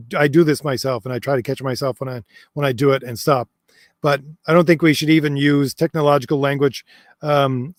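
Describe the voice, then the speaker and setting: On a dry, studio-quality recording, a man with a voice on the high side runs a long, casual livestream and reads out viewer comments to answer them. He stumbles with frequent fillers and restarts and remarks that he's losing his voice.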